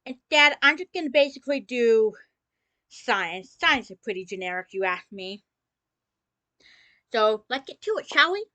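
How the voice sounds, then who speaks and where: A woman's voice: fairly high pitch, animated, normal speed, pushed and bright, no room sound. A woman telling a personal story in a casual vlog, opening with a theatrical greeting and dropping sarcastic asides.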